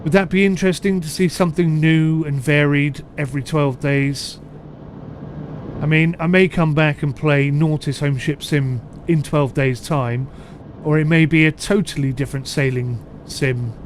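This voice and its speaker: A man's voice: fairly high pitch, steady tone, normal speed, a little hiss or hum. Chatty British man streaming a sim game. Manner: chatty, self-deprecating, answers chat comments aloud. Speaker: streamer playing a ship simulator. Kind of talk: casual live-stream commentary.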